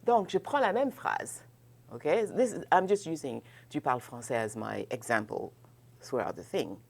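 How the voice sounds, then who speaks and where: A woman's voice: very deep voice, animated, measured pace, gravelly, husky. A woman teaching a French grammar lesson, explaining in English and modelling French questions with exaggerated rising intonation, often checking in with "ok?". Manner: checks in often with "ok?", laughs lightly. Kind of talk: bilingual classroom grammar lesson.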